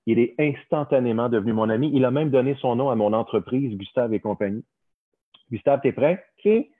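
A man's voice: mid-range voice, fast. A puppeteer, a man telling a playful story about his puppet in a casual chat. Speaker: puppeteer and guest. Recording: husky voice over a tinny phone-like line.

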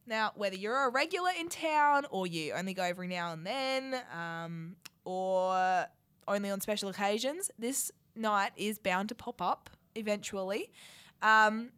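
Croaky young Australian woman with a cold. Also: mid-range voice, lively intonation, unhurried, a bit bright. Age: young adult. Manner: chatty, rambling, self-deprecating. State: croaky, hoarse voice from a head cold. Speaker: radio co-host. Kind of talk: casual radio chat.

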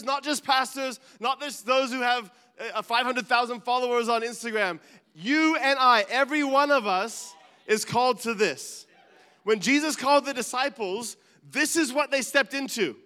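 A man's voice: very high voice, pushed and bright, clean tone, in a large hall. A man preaching a sermon as a pastor, earnest and building to emphatic peaks, with restarts and asides.

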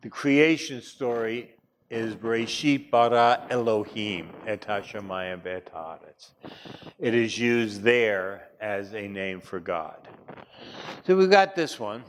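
A man's voice: lowish voice, slow, slight background noise. A man teaching a class, chatty, with wry asides and frequent fillers. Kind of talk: classroom lecture.

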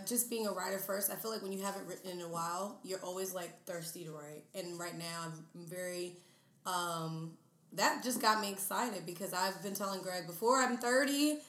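A woman in her mid-twenties, a podcast guest talking in a chatty, animated way with many fillers. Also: mid-range voice. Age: 20s. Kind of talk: casual interview chat. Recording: roomy echo.

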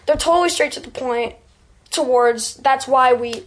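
A woman's voice: high-pitched, moderate pace. A young woman, an actor in a web series, chatting in an upbeat way with lots of fillers during an interview. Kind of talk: casual interview chat.

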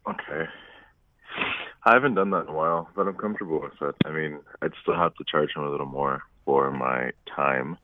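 Male, from Miami, rumbling low magnetic voice, relaxed conversational phone delivery over a thin telephone connection. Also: a little fast. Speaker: male escort taking a phone call. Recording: tinny narrow phone line.

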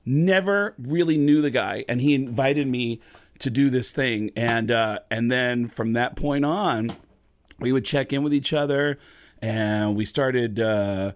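A man, a comedian, casually telling a story, animated and quick to act out the other voices. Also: mid-range voice, dry recording.

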